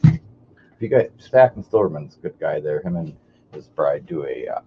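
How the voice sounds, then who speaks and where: A man's voice: extremely low pitch, lively intonation, moderate pace. A man calling a live online coin auction, chatty and greeting bidders by name. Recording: dull audio with faint hiss.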